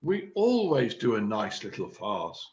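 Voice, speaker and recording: A man's voice: lowish voice, wildly swooping pitch, measured pace, darkish tone, dull audio, full character voice. A man reading the part of a self-important chairman of an amateur drama group, declaiming his big plan. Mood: scheming. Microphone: video call.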